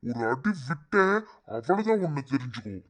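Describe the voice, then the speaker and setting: Blustering village husband. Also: male voice, medium pitch, very animated, moderate pace, darkish tone. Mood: angry. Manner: blustering, threatening. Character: gruff village husband, hot-tempered.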